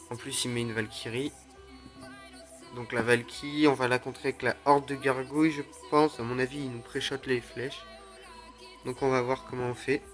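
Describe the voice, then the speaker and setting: A young man commenting live on his own mobile game matches, excitable, groaning and exclaiming at each play. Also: mid-range voice. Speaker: gaming YouTuber. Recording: faint music under the voice.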